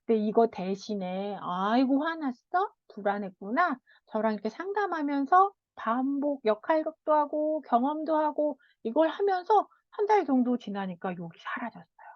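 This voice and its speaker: A woman child counselor giving a parenting lecture, animated, often laughing and acting out what children and parents say. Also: sits high, moderate pace, few pauses, no room sound. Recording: dull, dry sound.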